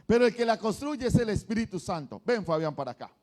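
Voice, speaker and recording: A man's voice: sits high, fast talker. A male pastor preaching a sermon, telling stories with energy and firing questions at the congregation. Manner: animated storytelling preacher quizzing the congregation.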